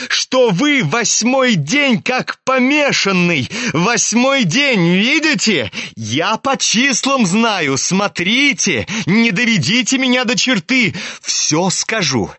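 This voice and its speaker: A bitter young man snaps and sneers in a high, shrill voice , as a man reads him aloud. His taunts rise and fall sharply. The sound is close and dry. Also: sharp tone, no echo, exaggerated voice.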